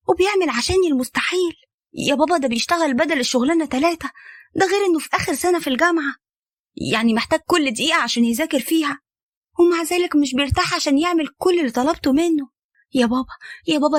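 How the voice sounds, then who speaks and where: A woman's voice: sits high, no room sound, studio quality, lightly acted. A woman voicing a heartbroken young woman with an Egyptian accent who speaks with pleading and reproach. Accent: Egyptian Arabic.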